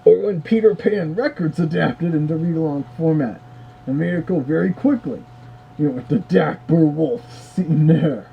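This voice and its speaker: A man's voice: on the high side, normal speed, gravelly, highs cut off, a little hiss or hum. A man hosting a review, giving wry, chatty commentary in a casual way. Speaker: reviewer host.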